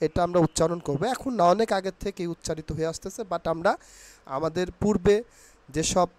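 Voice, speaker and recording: A man's voice: high-pitched, fairly even intonation, fairly quick, a little mellow, dry recording. A man with a Bangladeshi accent teaching English pronunciation, repeating each word several times and mixing English phrases into his talk. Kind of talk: casual spoken lesson.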